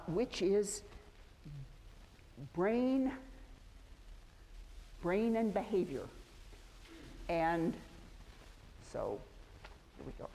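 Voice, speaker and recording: A woman's voice: on the low side, a little mellow. A woman teaching a university sociology class in a loose, conversational way, stopping to correct herself and pick up where she left off. Her voice carries a long reverb from the lecture hall, with a faint room hum underneath. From United States. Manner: conversational, self-correcting, with frequent restarts. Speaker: sociology professor.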